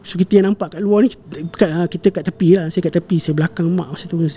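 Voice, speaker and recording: A young man who talks fast, his voice sitting high and warm, rambles through a family story as a podcast guest. He leans on fillers, keeps correcting himself, and mixes in English words during the casual chat, over a little hiss or hum.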